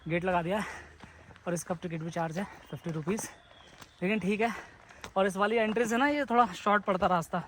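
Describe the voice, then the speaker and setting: A man's voice: high-pitched, slight background noise, rough recording. A man chatting casually to his viewers while trekking up a foggy hill trail, speaking into a handheld camera. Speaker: travel vlogger. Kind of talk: casual vlog narration to viewers. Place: outdoor hill trek in fog.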